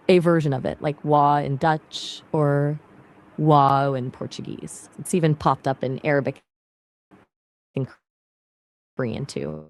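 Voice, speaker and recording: A woman's voice as an AI assistant in casual conversational chat, upbeat and chatty with quick, lively replies. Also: low voice.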